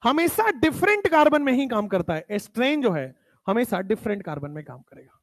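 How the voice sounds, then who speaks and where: A man teaching chemistry in a lecture, stressing key terms and repeating them, his voice dropping low whenever he states a definition. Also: big pitch swings, fairly quick, a bit bright, no echo. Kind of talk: classroom lecture.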